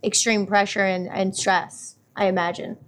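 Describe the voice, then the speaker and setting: A woman's voice: mid-range voice, level tone, normal speed, a bit bright. A woman co-hosting a podcast, chatting casually and thinking her points through at length. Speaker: podcast co-host. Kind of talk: casual chat.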